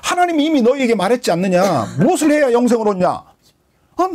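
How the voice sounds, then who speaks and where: A man voicing a calm male teacher who answers a question plainly, in his own husky voice, inside a sermon. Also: very high voice, brisk, pitched above the performer's own voice. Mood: instructive.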